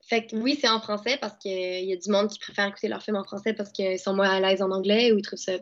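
Talking fast in a steady, medium-pitched voice, a young woman with a Québécois accent, who works as an actress and dubbing artist, chats through an interview packed with fillers and restarts. The audio is dull lo-fi.

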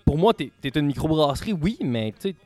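A man's voice: a little high, big pitch swings, a little fast, a little mellow, dry recording, soft background music. A man with a Quebec French accent chatting informally as a podcast contributor, often repeating his phrases. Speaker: podcast contributor presenting picks. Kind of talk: casual podcast chat.

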